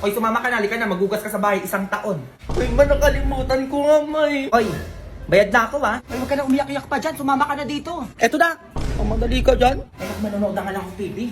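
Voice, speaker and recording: A woman's voice: fairly high pitch, quick pace. A woman from the Philippines performing brash, bickering comedy skit dialogue, teasing and scolding. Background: background music.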